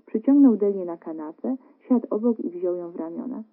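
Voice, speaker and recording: A woman reading a literary story aloud as narrator, calm and measured. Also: lowish voice. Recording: narrow phone-like radio broadcast.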